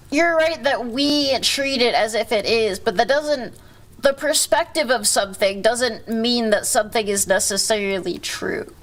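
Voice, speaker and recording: A woman hosting a casual livestream, chatting with viewers in a rambling, halting, slangy way with frequent self-interruptions and swearing. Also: fairly high pitch, fairly bright tone. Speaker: livestream host.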